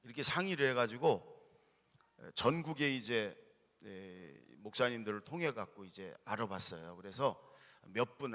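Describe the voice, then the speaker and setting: A middle-aged male pastor preaches to his congregation, telling a story with animated, emphatic rises. His voice is bright and forceful. It rings with a long reverb through a church sanctuary. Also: medium pitch. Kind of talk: revival sermon storytelling.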